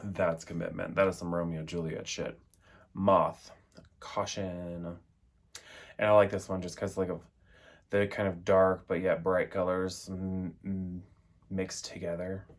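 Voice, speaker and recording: A man's voice: low voice, flat delivery, a little slow. A young man chatting casually and rambling, with a lot of filler words. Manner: rambling, filler-heavy, with frequent "like" and "um". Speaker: vlogger reviewing an oracle deck. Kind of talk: casual chat.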